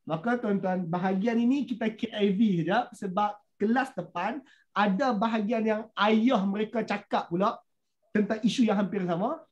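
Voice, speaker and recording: A man with a Malaysian Malay accent teaching an online Quran study class over a video call, telling the story in a lively way and acting out the dialogue. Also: high voice, normal speed, lo-fi sound. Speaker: religious teacher.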